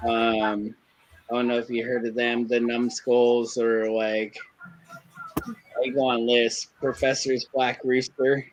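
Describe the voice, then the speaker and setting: Thirties male, casual podcast co-host, rambling, profane, excitable delivery. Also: medium pitch, takes it slowly. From California. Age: 30s. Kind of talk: casual chat.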